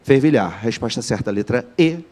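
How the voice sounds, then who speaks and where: A male teacher with a Carioca accent leads a live online class, joking with his students and firing questions at them. His voice sits in an ordinary middle pitch. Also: animated, normal speed, a little mellow. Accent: Carioca Brazilian Portuguese. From Rio de Janeiro, Brazil. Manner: joking, keeps quizzing the students.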